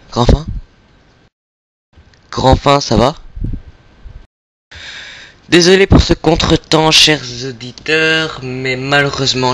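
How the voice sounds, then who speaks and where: A man's voice: mid-range voice, a bit bright, a little hiss or hum. A man hosting a mock radio show, presenting news and sports in announcer style.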